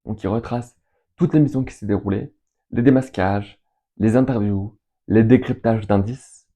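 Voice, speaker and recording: Chatty man with a mellow voice. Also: fairly low pitch. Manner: enthusiastic, rambling, lists names with pauses. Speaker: fan video host answering viewer questions. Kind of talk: casual chat.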